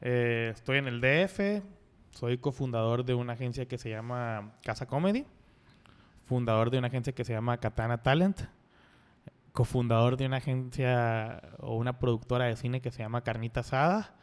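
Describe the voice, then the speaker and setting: A man's voice: medium pitch, normal speed, clean tone. A man in his thirties with a Mexican accent, a podcast guest talking in a laid-back, slangy, joking way. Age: 30s. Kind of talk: casual conversational interview.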